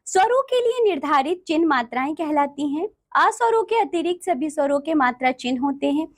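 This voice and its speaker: High, lively woman teaching children. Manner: slow, deliberate spelling-out of letters; addresses children directly. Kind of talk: Hindi grammar lesson for children.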